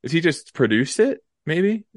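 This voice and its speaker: A young man co-hosting a podcast, chatting casually and teasing his co-host with quick interjections. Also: fairly high pitch, big pitch swings, no echo, clean studio sound. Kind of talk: casual chat.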